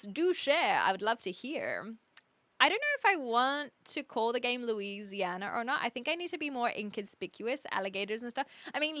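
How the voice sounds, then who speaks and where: Female streamer, bright higher-pitched voice, New Zealand accent tinged with British, chatty and cheeky, close dry sound. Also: no echo. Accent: New Zealand mixed with British. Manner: chatty, cheeky, reacts to chat messages. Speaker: live streamer. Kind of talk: casual livestream chat with viewers.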